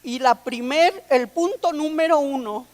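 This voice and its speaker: Female preacher, unhurried sermon with scripture reading, in a hall with a long reverb. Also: high voice, a little mellow. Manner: reads scripture aloud, calls listeners brother and sister.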